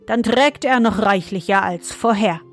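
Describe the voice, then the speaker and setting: Surly storybook ogre, grumbling and slow, read by a woman narrator. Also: mid-range voice, soft background music. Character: grumbling male man-eating ogre, gruff and surly.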